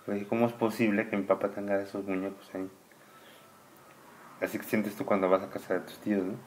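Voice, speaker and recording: Low-voiced father teaching. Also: little pitch movement, a little hiss or hum. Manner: patient, asks the child questions, reads passages slowly and louder. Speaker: father homeschooling his child. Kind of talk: reading and explaining a scripture story to a child.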